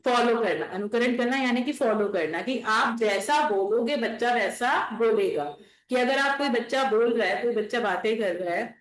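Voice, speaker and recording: Woman teacher, fairly high voice, patient explaining, echoey classroom recording. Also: normal speed. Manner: explains patiently, repeats and checks with "theek hai". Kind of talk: classroom lecture.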